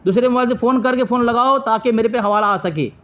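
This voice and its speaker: Brief: high-pitched man, insistent and repetitive, debating hard over a phone call. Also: quick pace, sharp tone.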